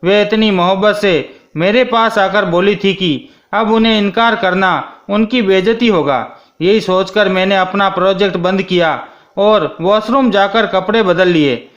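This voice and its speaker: A man narrating a first-person story in a steady, scripted reading. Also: high-pitched, measured pace. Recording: dull lo-fi sound.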